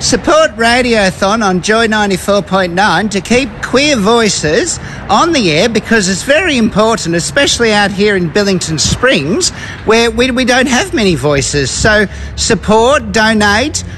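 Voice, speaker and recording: A woman's voice: mid-range voice, fairly bright tone. Aussie woman's voice message played on air, bouncy sing-song delivery, faint street and car noise behind. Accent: Australian. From Queensland, Australia. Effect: played-back phone voice message. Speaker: listener leaving a voice message. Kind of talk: casual appeal to donate.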